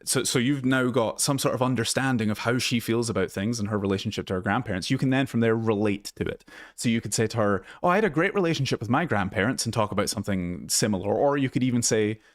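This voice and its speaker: A man's voice: fairly low pitch, fast, no room sound, studio quality. A man coaching listeners on dating in a casual live talk, blunt and swearing freely, often restarting his sentences. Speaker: dating and social skills coach. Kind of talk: casual live advice monologue.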